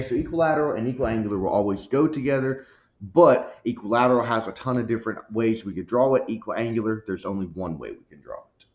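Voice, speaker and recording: Male math teacher, lowish voice, muffled lo-fi audio, patient step-by-step explaining. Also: a little mellow. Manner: explains step by step, checks in with "okay?". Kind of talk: recorded math lesson. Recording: dull lo-fi recording.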